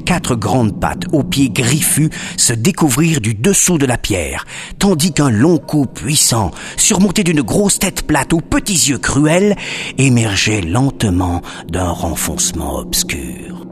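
A man narrating a children's story expressively, dropping to a hush at suspenseful moments. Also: medium pitch, big pitch swings, slow, faint music behind.

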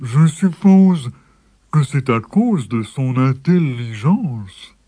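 A man's voice: medium pitch, animated, slow pace, warm tone, breathy edge, dry recording. A man voicing a timid, simple water buffalo in a storybook, hesitant and stammering.

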